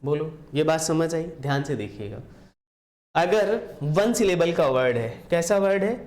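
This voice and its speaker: A man's voice: on the high side, animated, unhurried, a little mellow. Echoey male grammar teacher. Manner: repeats key answers as call-and-response questions. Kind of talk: classroom grammar lecture.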